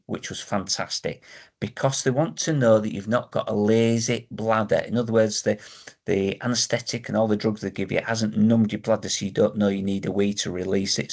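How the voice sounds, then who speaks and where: Low, creaky Yorkshire man, plain-spoken. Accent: Yorkshire, Northern English. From Northern England, Yorkshire. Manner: plain-spoken, matter-of-fact. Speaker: patient sharing his experience. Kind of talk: casual first-person vlog explainer.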